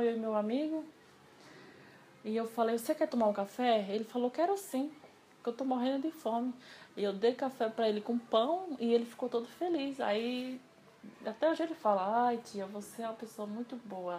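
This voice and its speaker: A woman's voice: fairly high pitch, a little hiss or hum. Chatty woman recounting a personal story. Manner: animated, acts out quoted dialogue. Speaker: interviewee. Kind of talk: casual storytelling interview.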